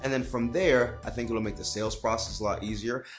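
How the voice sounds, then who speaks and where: A man's voice: medium pitch, steady tone, a little fast, soft background music. Man giving earnest fitness-coaching advice. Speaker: personal trainer giving advice to trainers. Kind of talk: direct-to-camera advice vlog.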